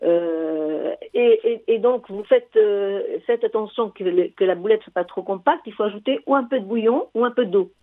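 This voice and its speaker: A woman's voice: medium pitch, normal speed, few pauses, dry recording. An older woman calling in to a radio show over the phone, hesitant and often restarting as she gives cooking advice. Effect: phone line. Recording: tinny phone line.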